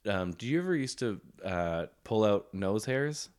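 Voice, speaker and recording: A young man co-hosting a podcast in casual chat, rambling and laughing often, with loud bursts when he jokes. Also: on the low side, lively intonation, measured pace, smooth. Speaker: podcast co-host.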